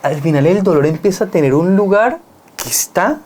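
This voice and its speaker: Relaxed and reflective, the Colombian man speaks with sincerity, warmth, and a mellow tone, at normal speed and high pitch. He illustrates his thinking with down-to-earth, everyday examples.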